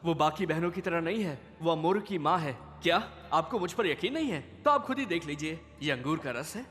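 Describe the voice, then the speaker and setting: A man's voice: on the high side, lively intonation, fairly quick, a bit bright. A man voicing a newborn baby boy who narrates his fears in a wry, self-pitying dubbed film narration.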